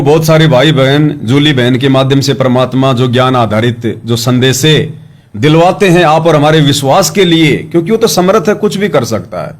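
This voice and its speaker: Brief: man, slightly high voice, humble and earnest devotional speaker addressing followers. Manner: earnest, humble, calls himself a servant.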